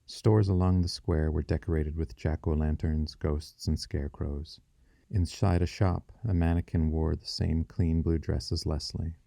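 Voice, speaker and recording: A man narrating a fiction audiobook in a measured, descriptive storytelling manner. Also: very deep voice, flat delivery, creaky, warm tone, no echo, clean studio sound.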